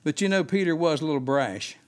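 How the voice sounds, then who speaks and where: Male Bible study teacher, fairly high voice, unscripted sermon delivery with rhetorical questions. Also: lively intonation, fast.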